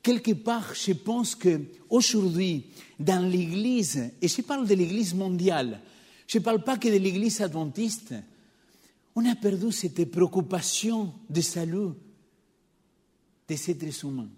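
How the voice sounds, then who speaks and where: A man's voice: high-pitched, animated, a little slow, darkish tone, husky. A man with a noticeable accent preaching a sermon to his congregation in a church, engaging listeners with rhetorical questions. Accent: non-native French accent. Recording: long reverb of a church hall.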